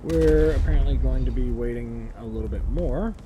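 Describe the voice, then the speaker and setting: A man's voice: mid-range voice, moderate pace, background noise. A man casually narrating his own gameplay as a streamer, talking to himself with wry, sarcastic asides.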